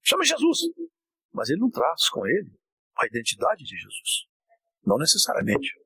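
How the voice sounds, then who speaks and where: A man preaching an impassioned sermon, at times shouting and at times dropping low. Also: huge pitch swings, moderate pace, breathy edge, poor audio. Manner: impassioned, often shouting, swinging from high to low.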